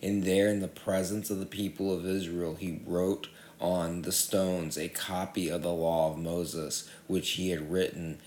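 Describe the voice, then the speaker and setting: A man with a very low voice reads scripture aloud at an unhurried pace. His delivery is measured and steady. The sound carries a noticeable room echo. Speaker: scripture reader. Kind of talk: public Bible reading.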